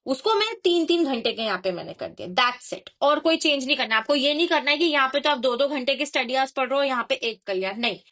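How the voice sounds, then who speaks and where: Bright high-pitched woman explaining study routines. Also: lively intonation, fast talker, hardly any pauses. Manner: conversational Hindi-English mix with frequent check-ins. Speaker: exam prep educator.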